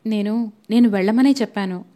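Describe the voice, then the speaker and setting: A woman voicing a timid, anxious young wife who speaks softly and hesitantly, in a storybook reading. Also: mid-range voice, normal speed, close to an everyday voice. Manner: soft, hesitant, faltering.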